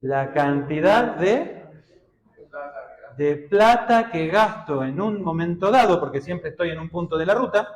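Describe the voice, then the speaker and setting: A man with an Argentine Spanish accent gives a classroom math lecture in a high, lively voice that rises and falls a lot. He keeps questioning his students and checking they follow. The sound is echoey, as in a classroom. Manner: questioning, checks understanding often, colloquial. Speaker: math teacher.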